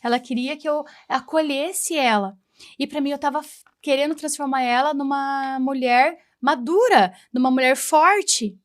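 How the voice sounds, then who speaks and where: A woman's voice: sits high, unhurried. A woman in her forties, a guest on a talk show, sharing a personal testimony in an earnest, reflective way and acting out remembered conversations. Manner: acts out remembered dialogue. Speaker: interview guest, women's mentor.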